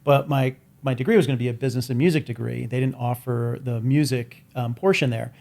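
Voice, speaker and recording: A man's voice: medium pitch, steady tone, fairly quick, creaky, a little mellow. A man in his forties, co-hosting a casual podcast chat and telling long stories about himself, often laughing at his own jokes. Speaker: podcast co-host.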